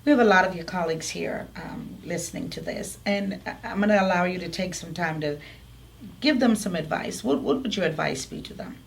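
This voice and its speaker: A woman's voice: on the low side, a little fast, gravelly. A woman from the Bahamas, hosting an interview and asking upbeat questions. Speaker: interview host. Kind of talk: hosted interview.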